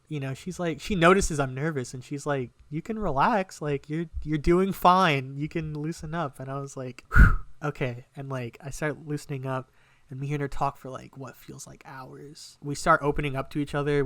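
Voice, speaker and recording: A young man telling a long personal story on a podcast in a casual, animated way, swearing freely. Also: medium pitch, no room sound. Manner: animated, swearing a lot, quotes himself in lively bursts. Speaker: podcast co-host.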